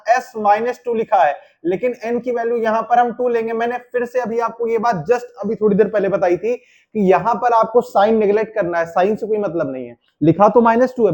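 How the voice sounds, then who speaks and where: High-voiced man teaching chemistry. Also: darkish tone, lo-fi sound. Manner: explains step by step, asks and answers his own questions. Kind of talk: classroom lecture.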